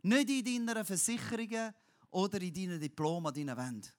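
A man preaching a sermon, swinging between loud emphatic cries and low, quiet passages, with some blunt everyday words. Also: a little fast. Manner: uses crude everyday words.

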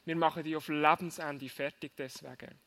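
A man preaching voices a jeering mocker who taunts a fallen strongman with loud, shouted insults. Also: a little high, steady tone, normal speed. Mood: mocking.

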